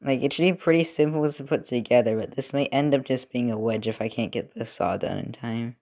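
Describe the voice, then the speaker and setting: Young male creator, loose rambling voice-over, everyday mid pitch, frequent fillers and self-corrections. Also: brisk, a little mellow. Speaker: robot-building video creator. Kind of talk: casual commentary while working. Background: TV football game.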